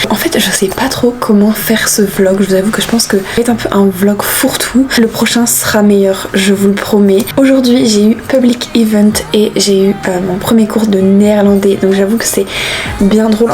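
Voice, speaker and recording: A woman's voice: mid-range voice, darkish tone. A 19-year-old woman chatting casually to the camera as a vlogger, upbeat and chatty, showing her things as she talks. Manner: chatty and upbeat, lots of fillers, shows items to the camera. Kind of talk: casual vlog chat. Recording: music playing underneath.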